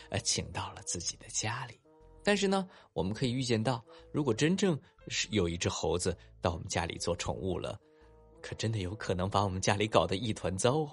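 A man narrating a children's story and talking to young listeners afterward, with animated asides. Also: fairly low pitch, normal speed, husky, soft background music. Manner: animated, warm-toned coaxing asides to kids.

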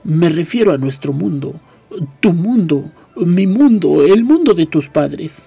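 A huge, gruff giant of a man bellows with outrage, as a man reading aloud puts him on. The voice is warm and mellow, with a husky edge. It is a storybook reading. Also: fairly high pitch, animated, a little slow, soft background music, exaggerated voice. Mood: indignant. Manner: roaring, indignant.

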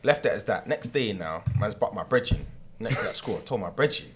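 Young male, London roadman accent, lowish and animated, slangy anecdote style, faint noise. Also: brisk. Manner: slangy, acts out reported dialogue. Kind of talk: casual anecdote telling among friends.

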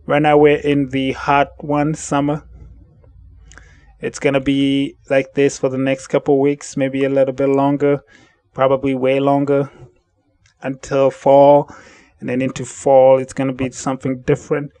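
A man's voice: medium pitch, monotone, measured pace, warm tone, smooth, dry recording. A man hosting a casual solo podcast, rambling and correcting himself as he thinks aloud at home in the evening. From central United States. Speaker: podcast host.

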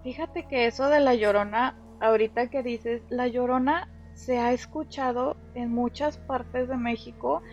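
A woman telling a ghost story in casual chat, lively and slangy. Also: on the high side, measured pace, hardly any pauses, highs cut off, faint music behind.

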